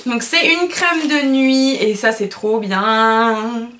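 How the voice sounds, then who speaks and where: Woman, beauty vlogger, casual unboxing chat, gushing, rambling with fillers, fairly high voice. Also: steady tone, slow pace, fairly bright tone. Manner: gushing and chatty, many fillers and self-corrections.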